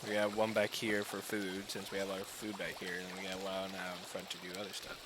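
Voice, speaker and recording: A man chatting casually while playing a co-op game, laid-back and jokey, now and then yelping loudly. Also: low-pitched, completely flat delivery, quick pace, heavy background noise. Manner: laid-back, jokey, swings into loud yelps. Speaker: gamer playing co-op. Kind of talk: casual gaming chat.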